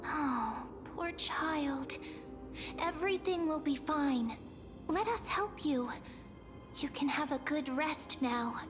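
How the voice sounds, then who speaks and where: A gentle young game heroine with a high voice. She speaks slowly and tenderly, earnest and reassuring, over faint music. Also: expressive. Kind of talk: video game voice acting.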